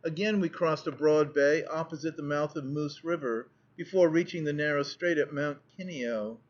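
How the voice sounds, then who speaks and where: A man reading a nineteenth-century travel narrative aloud as an audiobook narrator, in a steady, measured way. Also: fairly high pitch. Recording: dull lo-fi audiobook recording.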